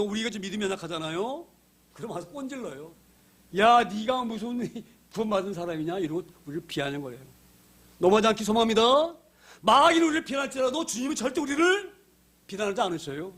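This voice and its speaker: A male pastor delivering a sermon with a high-pitched voice. He preaches in an animated way, dropping to quiet asides and then rising to sudden loud outbursts as he dramatizes the scenes he retells. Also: slightly rough.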